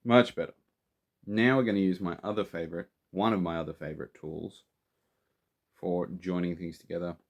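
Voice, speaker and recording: Building a theatre prop, this Australian man keeps up a playful, chatty patter with his viewers in a relaxed workshop tutorial. He has a deep voice with fairly even intonation and a normal pace, and the audio sounds dull.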